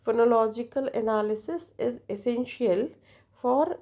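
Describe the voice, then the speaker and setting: A woman giving a classroom lecture, halting with many fillers and restarts. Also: fairly high pitch, dark tone.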